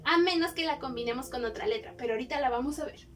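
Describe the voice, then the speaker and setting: A woman teacher, giving a phonics lesson to young children and sounding out each letter slowly and clearly. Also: high-pitched, distant mic.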